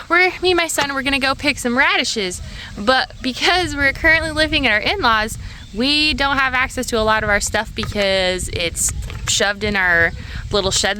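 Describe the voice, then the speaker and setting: A woman's voice: sits high, sharp tone, slight background noise. A young woman chatting casually to camera in an upbeat vlog, filmed on a handheld phone. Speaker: author and vlogger. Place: outdoors on a lake island.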